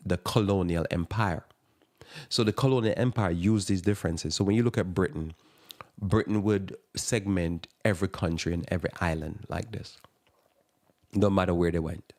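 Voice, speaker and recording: A man with a very low voice and a thick accent preaches on a radio talk program. He wanders from point to point, stumbles and repeats words, and lets out small chuckles at his own remarks. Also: darkish tone. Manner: rambling, repeats and restarts words. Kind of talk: sermon-style radio talk.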